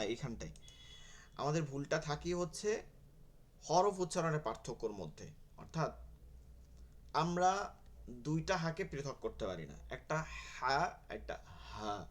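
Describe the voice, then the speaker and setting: A man teaching an online Quran pronunciation class, patiently repeating sounds and checking in with his students. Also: a little high. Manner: patient, repeats letters and asks "okay?" often.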